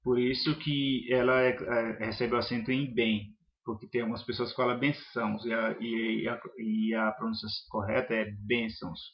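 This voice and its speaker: A man's voice: mid-range voice, little pitch movement, moderate pace. A man teaching a grammar lesson, listing examples one by one in a methodical way with some hesitations.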